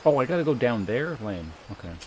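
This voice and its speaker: This streamer's medium-pitched voice is very animated and brisk, with slight background noise and game music underneath. He rambles casually about the game he's streaming, reads chat aloud, swears freely and keeps his humor dry and sarcastic.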